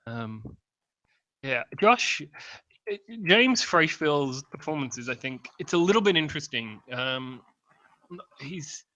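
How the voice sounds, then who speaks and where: A man's voice: mid-range voice, sharp tone, no room sound, highs cut off. A man, casually reviewing a film with a wry, rambling manner and many fillers. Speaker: film review podcast host.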